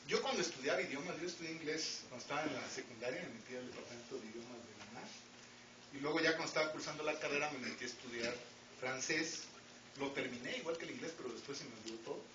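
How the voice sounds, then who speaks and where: A man's voice: a little high, expressive, fast. A middle-aged man with a Mexican accent lecturing students in an academic talk, with wry joking asides and frequent rhetorical questions. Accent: Mexican Spanish. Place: lecture hall with audience. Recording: roomy, distant, dull, noisy lecture hall recording.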